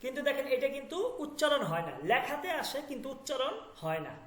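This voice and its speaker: This Bangladeshi-accented teacher has a very high, fairly bright voice that swings widely in pitch as he moves at a quick pace. Recorded in an echoey room, he walks students through an online language lesson one step at a time, often making sure they're following.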